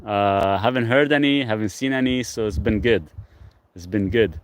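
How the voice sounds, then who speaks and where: A man's voice: on the low side, moderate pace. A man from Lebanon chatting casually on an outdoor live stream, reading viewer comments aloud and answering them. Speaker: livestream host. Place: outdoors on rural off-grid land. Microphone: phone camera.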